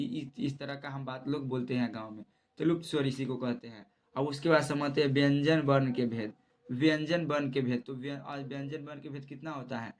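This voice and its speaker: A man's voice: medium pitch, slight background noise. A man teaching a Hindi grammar lesson for exam students, saying each definition twice and reading the letters out one by one. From Bihar, India.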